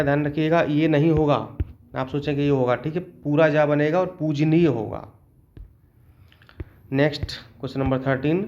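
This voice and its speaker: A man teaching an exam-prep lesson in a fairly high voice. He works through each question steadily and keeps checking in with his listeners as he goes. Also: a little mellow, highs cut off. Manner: explains step by step, often adds a checking "okay".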